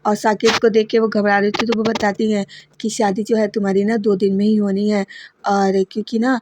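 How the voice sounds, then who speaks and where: A woman's voice: medium pitch, little pitch movement, fairly quick, noisy background. A woman casually retelling a TV serial episode, quoting each character in her own plain voice. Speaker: voice-over narrator recapping a TV serial. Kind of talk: casual spoken recap.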